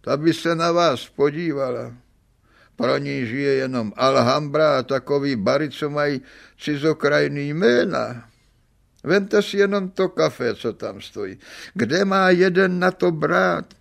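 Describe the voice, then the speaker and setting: A man's voice: a little high, gravelly. A man voicing an aggrieved middle-aged swindler on trial, complaining in a whiny, self-pitying way. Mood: indignant. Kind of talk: audiobook character reading.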